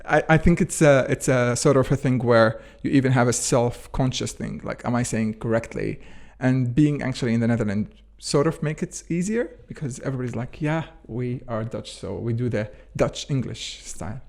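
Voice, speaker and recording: A Jordanian man who is a food scientist and founded a company answers interview questions conversationally, rambling and relying on "actually" and "sort of." His mid-range voice is gravelly and a little mellow, at a moderate pace with few pauses.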